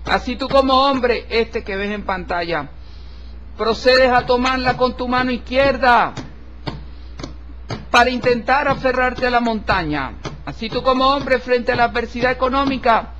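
A man reading a tarot horoscope in a solemn, slow and formal way, addressing the listener with respect. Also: extremely high pitch, a bit bright. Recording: dull lo-fi recording with faint hiss.

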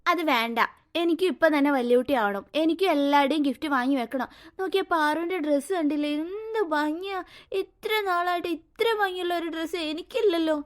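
A woman's voice: very high voice, fairly quick. A woman voicing a jealous, stubborn little girl in a cartoon who pleads and demands. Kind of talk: cartoon voice acting.

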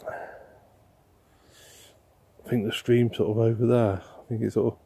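A man hosting a ghost-hunting vlog outdoors in a churchyard, talking softly to spirits and musing aloud with questions. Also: mid-range voice, flat delivery, unhurried, gravelly, breathy edge, dry recording. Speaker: paranormal investigator host.

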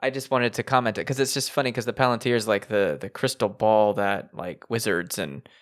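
A man's voice: on the low side, a little fast, fairly bright tone. A man hosting a podcast interview, talking loosely and chattily with lots of filler words. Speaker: podcast host. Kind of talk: casual interview talk.

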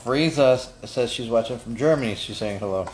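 A man's voice: medium pitch, brisk, background noise. A man with a mid-range voice reads out viewer comments during a live stream. His delivery is casual and conversational, relaying names and places. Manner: casual, reads out where viewers are watching from. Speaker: co-host reading viewer comments.

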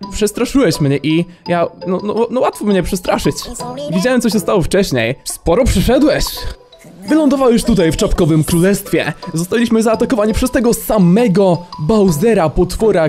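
A man's voice: sits high, animated, moderate pace, dark tone, pitched above the performer's own voice. A man voicing a timid young male hat spirit, speaking in a raised, eager, pleading voice as he tells his story. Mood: apologetic. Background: game music.

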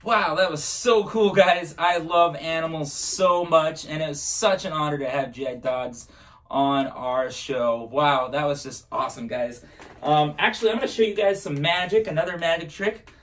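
A man in his thirties presenting a live show as a kids' party magician, with animated, playful showmanship. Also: on the high side, normal speed.

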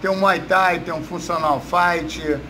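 A Brazilian man in his fifties, a jiu-jitsu coach, gives casual interview answers inside a gym room. His voice sits high, with a steady tone and an unhurried pace. Noticeable background noise from the gym comes through.

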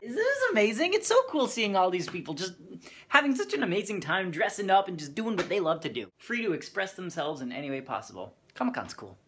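A man talking excitedly and jokily into a handheld camera for his travel vlog. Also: high-pitched, quick pace. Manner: excitable, chatty, jokey. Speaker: vlogger. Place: busy convention and city streets. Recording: crowd chatter and background noise.

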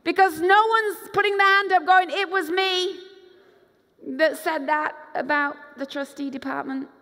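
This woman pastor, high-voiced and animated, delivers a conference sermon on a large, dark stage. She performs the voices she quotes and moves around as long hall reverb fills the recording.

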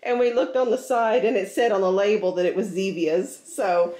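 A woman's voice: medium pitch, steady tone, normal speed, dark tone. A woman hosting a casual family unboxing chat at home, chatty and thankful and often laughing. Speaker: family channel host, mother. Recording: roomy home room, faint noise.

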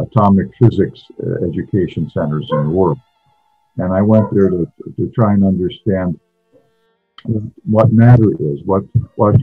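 An older man from Canada speaking as an interview guest, halting and often repeating words as he searches for them. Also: deep voice, husky, narrow, tinny audio. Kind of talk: conversational interview.

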